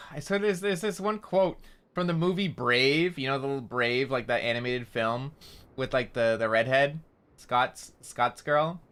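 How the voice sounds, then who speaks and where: Chatting loosely during a gaming stream, this young man from Canada curses frequently and mocks himself, his nasal voice carrying a slight rural Canadian accent. It sits in the mid range, fairly bright, clear and resonant.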